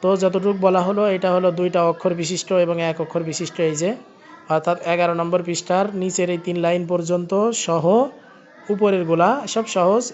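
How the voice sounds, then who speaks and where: A man teaching Urdu letters in a recorded lesson, reciting the sounds slowly one by one. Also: on the high side, a little mellow, lo-fi sound. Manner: slow drilling recitation, pointing to a book page.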